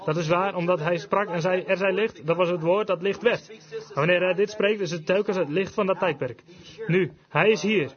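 A man preaching a fervent revival sermon, emphatic, switching between quick bursts and slow, drawn-out phrases. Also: high-pitched. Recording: dull lo-fi recording with congregation audible.

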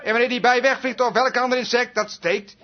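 A man preaching with a very high voice, fervent and emphatic, leaning into slow drawn-out phrases. The recording is dull and lo-fi. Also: fairly even intonation. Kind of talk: sermon.

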